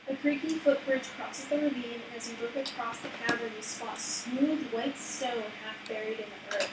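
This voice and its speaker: A woman reading a board game story aloud to her players, then chatting and laughing with them. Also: a little high. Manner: reads narration, then chats and laughs with players. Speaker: game narrator. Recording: echoey room, distant mic, background noise.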